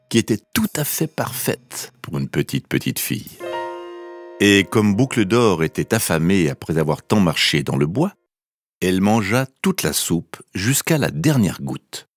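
A man narrating a children's fairy tale in a lilting, sing-song way, drawing out the repeated phrases. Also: low voice. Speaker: storyteller.

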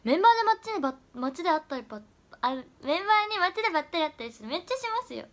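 A young woman, an idol trainee, chatting casually on a livestream and answering viewer comments, often dropping into soft whispers. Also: extremely high pitch, big pitch swings, very fast. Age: young adult.

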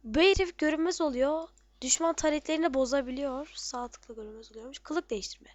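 A woman giving casual, excitable commentary on her own gameplay, muttering to herself and shouting at enemies. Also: sits high, a little fast, dry recording, muffled recording.

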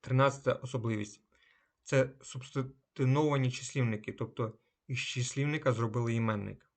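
A man teaching German vocabulary in a scripted lesson, slowing down to say each German word clearly. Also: medium pitch, fairly even intonation. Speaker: language teacher.

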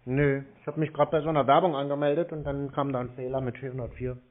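Fast and level in tone, a medium-pitched man takes a scam call and turns it into a sardonic prank. The narrow, tinny line carries his needling sarcasm.

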